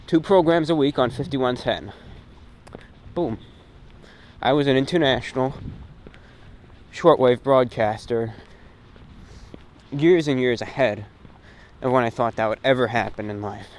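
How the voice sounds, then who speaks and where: Out on a walk, the host of a radio and online show muses aloud in a casual, rambling way, using short phrases. His voice sits in the mid range and runs a little slow, broken by long pauses, with clear ambient noise in the background.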